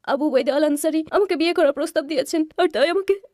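Dub casting: a woman as a devoted, tearful servant, high voice, dry recording. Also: a little fast, dark tone, dry recording, lightly acted. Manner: pleading, heartfelt. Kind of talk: dubbed drama dialogue.

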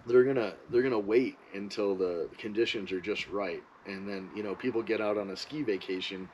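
A man's voice: lowish voice, fairly even intonation, fairly quick, a little mellow, muffled recording, a little hiss or hum. A man giving a casual, rambling, opinionated monologue as a ski vlogger.

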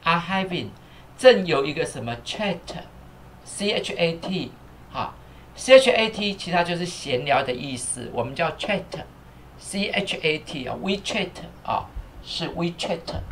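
A man's voice: on the high side, lively intonation, slow pace, a little hiss or hum. Chatty male teacher spelling out English words. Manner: spells words letter by letter, repeats phrases, many fillers; thanks viewers and asks the crew to fix captions. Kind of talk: live-streamed English lesson.

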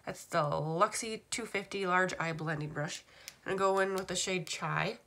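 A woman's voice: fairly low pitch, unhurried, noisy background. A woman in her thirties with a stuffy nose from a cold, chatting casually through a makeup tutorial. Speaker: beauty vlogger. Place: small room at home.

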